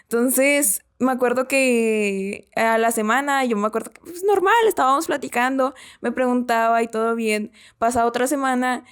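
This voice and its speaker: Young Mexican woman, high voice. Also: moderate pace, hardly any pauses, smooth. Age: young adult. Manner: storytelling, lively, many fillers. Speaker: guest. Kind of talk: personal testimony.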